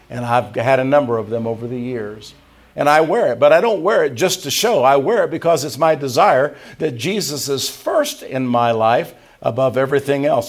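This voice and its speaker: An older man from Tennessee preaching a sermon, quoting scripture in old-fashioned wording and swinging between loud emphasis and hushed asides. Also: mid-range voice. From Tennessee, USA. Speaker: pastor.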